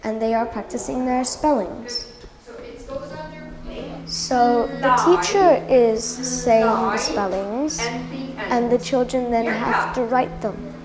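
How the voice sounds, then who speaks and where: A woman's voice: a little high, slow pace, loud music behind the voice. A woman guiding visitors through classrooms, friendly and explanatory. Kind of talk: school tour commentary.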